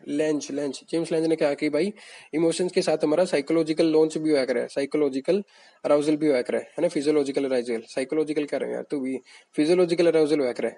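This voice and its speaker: Male teacher, mellow slightly high voice, loose rambling revision delivery. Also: low-quality recording. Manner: casual, rambling, repeats key terms. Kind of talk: exam revision lecture.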